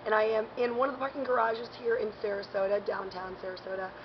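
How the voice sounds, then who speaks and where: A woman's voice: medium pitch, flat delivery, fast talker, lo-fi sound, noisy background. A woman hosting a casual local events vlog, talking in a chatty, upbeat way with lots of fillers, outdoors in a parking garage while chewing gum. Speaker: host.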